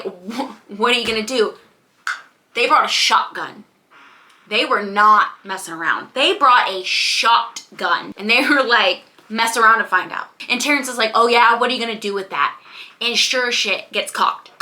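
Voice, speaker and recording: A young woman casually recapping a romance novel plot while doing her makeup, chatty and animated. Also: on the high side. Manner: chatty, animated retelling with quoted voices. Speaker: book vlogger.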